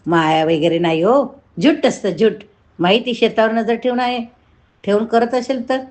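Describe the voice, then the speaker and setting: A woman voicing a young male ascetic who speaks gently and teasingly, then preaches earnestly. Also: fairly high pitch, normal speed, close to an everyday voice. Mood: wry. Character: radiant young male ascetic, calm and wise.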